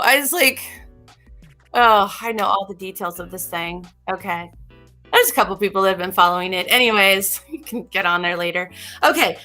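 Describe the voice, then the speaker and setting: A woman's voice: medium pitch, pushed and bright. A woman hosting a casual livestream as a spiritual reader, chatty and rambling, laughing often.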